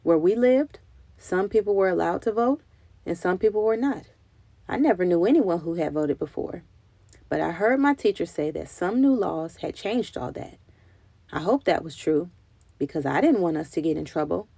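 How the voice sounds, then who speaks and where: A woman reads a children's storybook aloud with deliberate, expressive delivery. Her lowish voice is relaxed and dark with a creaky edge, and the recording is close and dry with no echo.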